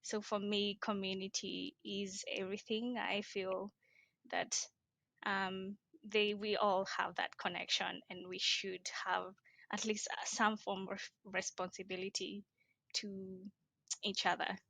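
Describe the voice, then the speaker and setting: A woman's voice: medium pitch, flat delivery, unhurried, creaky, a bit bright, dry recording. A young woman from Kenya, a guest in an interview, talking casually with frequent hesitations. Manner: hesitant, many ums. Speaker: guest, social entrepreneur.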